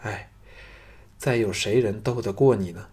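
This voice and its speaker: A man's voice: fairly low pitch, unhurried, a little mellow, breathy edge. A man voicing a lovesick young noblewoman who begs and pleads breathlessly. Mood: pleading. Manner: breathless, imploring.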